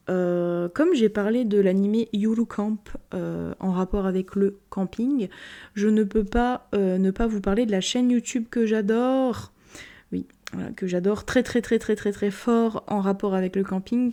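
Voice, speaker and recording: A woman's voice: medium pitch, warm tone. A young woman casually reviewing anime, rambling with many fillers and repeated "very, very".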